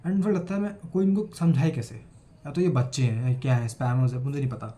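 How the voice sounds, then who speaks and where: An 18-year-old student vlogger with an Indian accent talks quickly in a mellow, medium-pitched voice. He earnestly addresses the camera in a casual vlog as he gets over a cold, weaving Hindi and English together.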